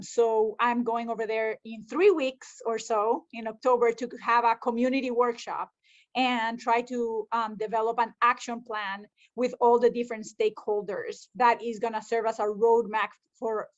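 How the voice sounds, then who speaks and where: A woman's voice: fairly high pitch, lo-fi sound. A woman from Rica, a conservation scientist answering interview questions earnestly, with frequent ums. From Costa Rica.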